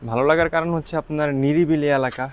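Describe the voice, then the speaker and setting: A man filming a walking travel vlog outdoors, talking softly because he is tired and often checking in with his viewers. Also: fairly high pitch, steady tone, racing, smooth. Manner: keeps checking with "ঠিক আছে?". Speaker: travel vlogger. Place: outdoors on hilltop town streets.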